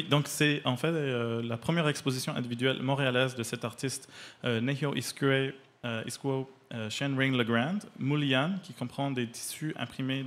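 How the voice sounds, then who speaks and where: A man whose voice is medium in pitch gives a prepared arts column, partly reading his reviews and explanations as one would on a cultural radio segment.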